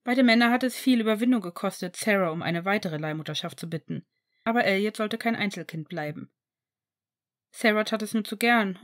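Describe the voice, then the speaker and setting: A woman reads a story aloud in a steady, calm manner. Her voice sits at an ordinary middle pitch, and she narrates evenly from line to line. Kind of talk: audiobook reading of fan fiction.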